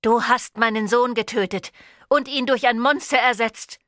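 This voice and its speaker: A woman's voice: a little high, normal speed, fairly bright tone, no room sound, clean studio sound, pitched above the performer's own voice, lightly acted. A woman voicing a terrified, furious middle-aged mother in an audiobook, panicked and shrieking. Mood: fearful. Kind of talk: audiobook reading.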